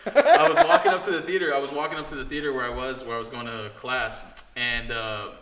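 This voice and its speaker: Young guy swearing thru his stories, bright punchy voice, echoey room. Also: medium pitch, fairly quick, slight background noise. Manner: animated storyteller, swears, acts out quotes. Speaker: podcast guest. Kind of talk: casual chat.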